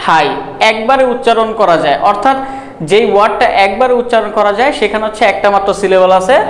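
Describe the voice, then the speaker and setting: Methodical teacher in an echoey room. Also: male voice, sits high. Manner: methodical, repeats words slowly to count syllables. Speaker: English teacher. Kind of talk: whiteboard grammar lesson.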